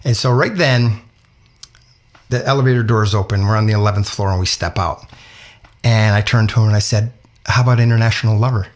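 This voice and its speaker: A man spinning a casual personal story for listeners, talking in a relaxed conversational flow. He rephrases and circles back as he goes and keeps the telling lively and engaged. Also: on the low side, brisk, pauses often. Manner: conversational, lively, with self-corrections and asides.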